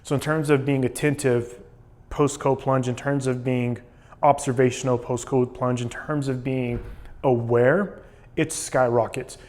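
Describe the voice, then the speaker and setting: A man's voice: medium pitch, steady tone, unhurried, a little mellow. A man talking casually and explaining things in a vlog monologue while sitting in ice cold water. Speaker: vlogger documenting a cold plunge challenge.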